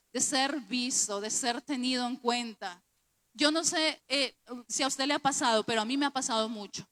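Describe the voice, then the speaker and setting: A woman's voice: a little high, a bit bright. A woman pastor with a Colombian accent preaching a sermon in an earnest, conversational way, asking rhetorical questions. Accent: Colombian Spanish.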